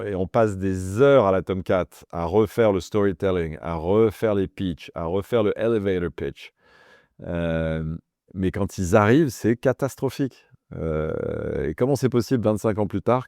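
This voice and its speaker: Mellow-voiced French host. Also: male voice, low voice, moderate pace, no room sound, clean studio sound. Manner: enthusiastic, mixes in English words. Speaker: podcast host. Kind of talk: casual interview hosting.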